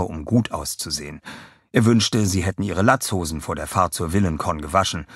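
A male audiobook narrator with a low, somewhat husky voice, reading with lively, varied expression. The recording is dry and close, with no room sound. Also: no echo. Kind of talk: scripted narration.

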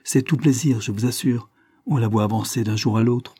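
A man's voice: medium pitch, fairly quick, mellow, breathy edge, dry recording, close to an everyday voice. A man reading the lines of an earnest, grave young widowed mother in a story.

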